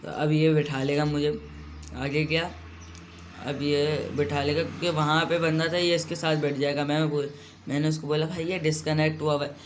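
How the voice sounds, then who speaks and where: A man's voice: a little high, level tone, moderate pace, a little hiss or hum. A young man giving casual, rambling commentary over his own mobile shooter gameplay, often poking fun at his own mistakes. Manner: chatty, rambling, self-deprecating. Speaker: gaming YouTuber.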